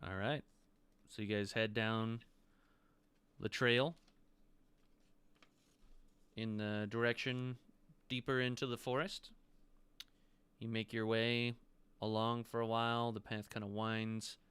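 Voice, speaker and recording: A man's voice: fairly low pitch, flat delivery, takes it slowly, long pauses, a bit bright, clear, resonant tone, dry recording. A man narrating a tabletop game as game master, describing scenes loosely with casual fillers.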